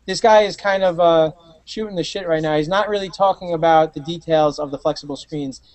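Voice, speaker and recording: High-pitched guy riffing on tech videos, loose and crude, dry close sound. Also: fairly quick, no room sound. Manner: loose, excitable, joking, crude. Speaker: podcast host. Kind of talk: casual chat commenting on videos.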